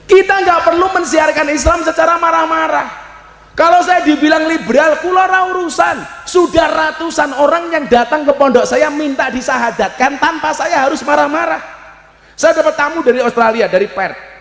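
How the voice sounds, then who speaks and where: A man with a Javanese accent preaching a humorous live sermon, joking and breaking into loud, emphatic shouts. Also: very high voice, moderate pace, gravelly. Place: large hall at a live religious gathering. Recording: echoey hall with long reverb.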